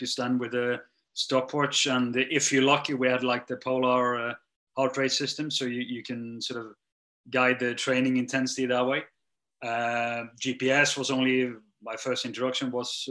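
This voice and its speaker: Answering an interviewer, a middle-aged strength and conditioning coach speaks English as a second language in a medium-pitched, sharp voice. His answers are riddled with fillers and restarts, and his sentence endings trail away.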